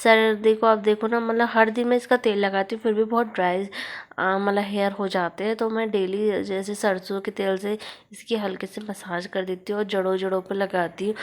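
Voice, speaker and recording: A young woman, a new mother, chatting casually as she explains each step of caring for her baby. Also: medium pitch. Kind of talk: casual home vlog narration.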